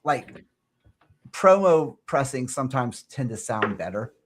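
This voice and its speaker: A man on a podcast chatting casually, playful and animated, quick to joke. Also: medium pitch, background noise. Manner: animated, playful, laughs often. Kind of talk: casual chat.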